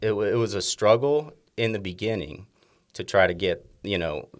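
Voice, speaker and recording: A man's voice: fairly low pitch, expressive, normal speed. A man, a chef and restaurant owner, talking casually in a podcast interview, rambling with many restarts and fillers.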